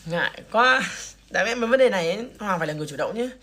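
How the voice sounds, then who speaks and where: A woman's voice: mid-range voice, expressive, racing, fairly bright tone. A woman voicing a shy, polite teenage schoolboy in a classroom story skit. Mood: bashful. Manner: bashful, polite.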